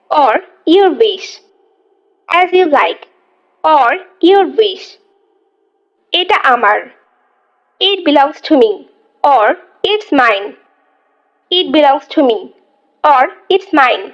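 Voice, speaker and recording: A woman teaching English, reading a phrase quickly and then repeating it slowly twice in a drill. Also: high voice, big pitch swings, muffled recording. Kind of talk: slow phrase-by-phrase language drill.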